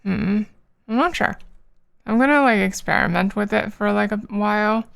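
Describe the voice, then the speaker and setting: A woman's voice: medium pitch, moderate pace, vocal fry, clean tone. A tired woman streamer chatting casually with her viewers while she draws, rambling with lots of fillers. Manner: rambling, many fillers, soft laughs.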